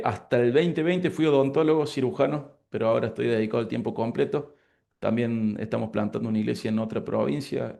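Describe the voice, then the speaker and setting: Argentine pastor guy, 40s, a bit gravelly, earnest, prays and talks slow. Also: mid-range voice, a little mellow. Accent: Argentine Spanish (Córdoba). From Córdoba, Argentina. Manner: earnest, grateful, unhurried. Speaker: pastor and lecturer. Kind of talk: prayer and interview answers.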